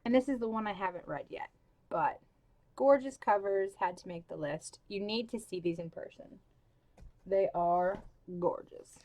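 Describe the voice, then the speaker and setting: Young adult woman, book vlogger, casual gushing chat full of fillers, mid pitch, hiccuping. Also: moderate pace, a little mellow. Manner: gushing, filler-heavy, with many "like" and "um". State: has the hiccups.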